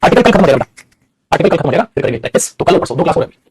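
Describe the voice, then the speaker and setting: A man's voice: a little high, sing-song, rapid-fire, noisy background. A man with a Bhojpuri-tinged Hindi accent teaching English grammar to students in a classroom lesson, switching between Hindi and English and calling his students beta.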